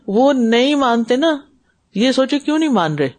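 A woman's voice: high-pitched, sing-song, a little mellow. A woman religious teacher giving a class and answering questions in an earnest, advising way, mixing in English words.

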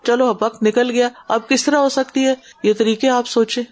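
A woman's voice: on the high side, steady tone. Woman teacher giving advice to her class, earnest, drops in english words. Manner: earnest, advising, mixes English words into Urdu. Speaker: religious teacher. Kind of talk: teaching a class, answering questions.

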